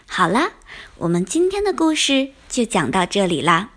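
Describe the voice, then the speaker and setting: A young woman reading a children's story aloud in a gentle, sing-song, expressive manner. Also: medium pitch, normal speed. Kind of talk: scripted storybook narration.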